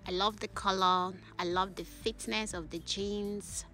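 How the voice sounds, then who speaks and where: A woman talks through a clothing try-on haul in a mid-pitched, conversational voice. She is chatty and enthusiastic, and she often ends a phrase with a questioning "okay?". Faint music plays underneath. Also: steady tone, unhurried, sharp tone. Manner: switches to voice-over narration partway. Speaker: vlogger. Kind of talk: casual try-on haul vlog.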